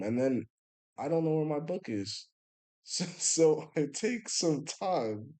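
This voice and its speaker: A young adult vlogger with a warm, mid-range voice tells a loose, rambling story in a casual, chilled-out manner. He leans on "you know" and "bro" and tends to trail off mumbling.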